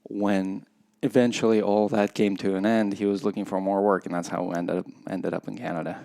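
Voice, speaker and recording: He's a Russian man in his thirties, a skydiving competitor appearing as a podcast guest, and his voice is fairly low, creaky and warm with a level tone. In the casual interview he speaks reflectively and unhurriedly, pausing hesitantly throughout.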